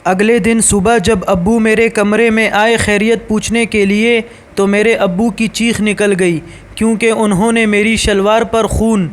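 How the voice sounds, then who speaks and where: A man reading a scripted story aloud in a steady, even storytelling voice. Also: high voice.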